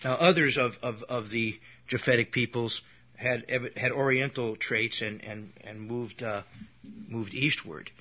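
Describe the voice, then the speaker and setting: A man's voice: mid-range voice, unhurried. A man teaching an informal Bible lesson, rambling and restarting his sentences, with an occasional cough. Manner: rambling, with frequent restarts and asides. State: coughing now and then. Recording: dull lo-fi recording.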